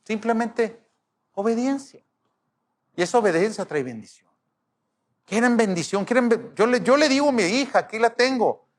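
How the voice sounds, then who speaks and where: A middle-aged pastor preaches to his congregation, his voice sitting high for a man. He is emphatic and keeps asking the room rhetorical questions. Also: expressive, moderate pace, pauses often.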